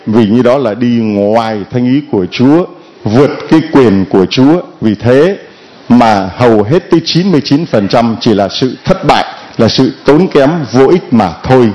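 A male priest preaching in a measured way to the congregation in church. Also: medium pitch, expressive, warm tone, highs cut off. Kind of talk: sermon to the congregation.

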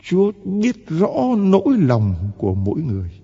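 A man, a priest, giving an impassioned sermon, drawing out key words slowly and rising to emphatic peaks. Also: fairly high pitch, very animated, dark tone, slightly rough, long reverb tail, muffled recording.

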